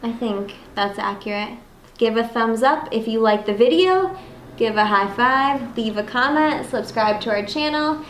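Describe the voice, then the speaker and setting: A woman's voice: a little high, lively intonation, a little slow, fairly bright tone. A woman co-hosting a vlog, closing out the video with teasing, joking chat. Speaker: vlog co-host. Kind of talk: casual outro chat. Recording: echoey room, faint noise.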